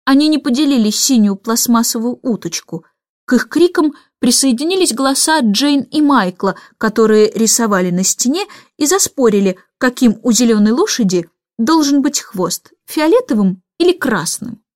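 A woman reading a children's storybook aloud with lively, expressive narration. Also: fairly high pitch, normal speed, no room sound, clean studio sound. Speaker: reader.

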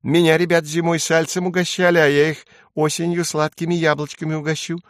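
A man's voice: fairly high pitch, little pitch movement, brisk, no echo, clean studio sound, voice pushed up, natural voice. A man voicing a diligent little female titmouse in a storybook, earnest and proud.

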